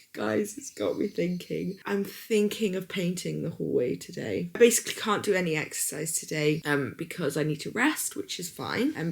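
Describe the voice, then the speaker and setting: A woman's voice: on the low side, gravelly. A young woman and mother of twins, chatting casually to camera, sore after a run, emotional and full of asides. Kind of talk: casual vlog chat to camera.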